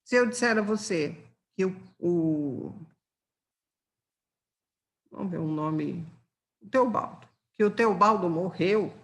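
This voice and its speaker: Speaking slowly and animatedly with frequent pauses, this woman has a lower-pitched voice and a Brazilian Portuguese accent. In an exam-prep grammar lesson, she walks students through examples with patience and checks that they're following.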